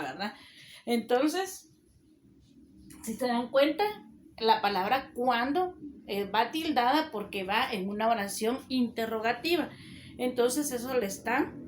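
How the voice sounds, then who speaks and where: A woman teacher giving a recorded spelling lesson, dictating rules slowly and deliberately. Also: a little high, reverberant, slight background noise.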